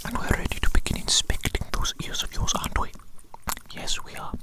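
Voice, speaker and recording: This whispered ASMR medical roleplay features a performer voicing an eccentric evil doctor devoted to a tiny creation. The delivery is fairly quick and natural, with theatrical muttering and repeated phrases right at a close mic, in a busy, doting mood.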